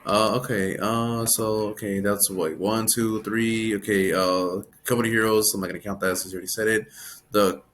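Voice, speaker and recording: A man's voice: lowish voice, steady tone, moderate pace, a bit bright, slight background noise. A man co-hosting a casual podcast chat about video games, rambling and trailing off mid-thought. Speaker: podcast co-host.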